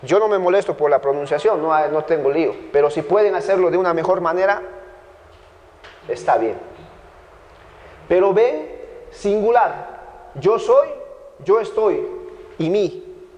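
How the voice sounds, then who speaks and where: A man's voice: sits high, lively intonation, moderate pace, pauses often, a little mellow, in a large hall. A man with a Bolivian Spanish accent teaching a biblical Greek grammar class, patiently repeating points and checking that students follow.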